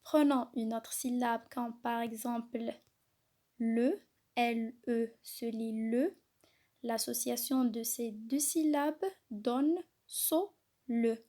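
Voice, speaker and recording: Very slow, patient woman teaching reading. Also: on the high side, mellow. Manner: spells out letters and syllables slowly and patiently. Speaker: kindergarten teacher. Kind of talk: slow, clearly articulated reading lesson for young children.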